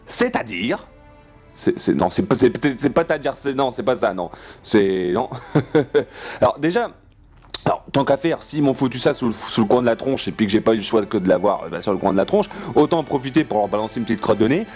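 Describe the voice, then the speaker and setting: A man giving casual gameplay commentary with a lively voice that leaps up and down in pitch. He rambles in playful rants, swears freely and keeps restarting his sentences. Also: brisk, faint music behind. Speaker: gaming channel host.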